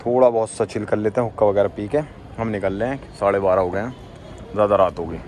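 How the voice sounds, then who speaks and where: A young male vlogger narrates casually in informal, slangy speech at a cafe with a terrace. He talks fast in a lowish voice, with background noise and loud cafe music playing over him.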